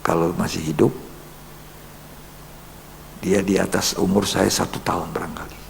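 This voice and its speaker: A male pastor telling a story, quoting people in a hushed voice and then urging his congregation forcefully. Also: low voice, little pitch movement, moderate pace, vocal fry. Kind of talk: Bible study sermon. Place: church hall. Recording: long reverb in a church hall, faint hum.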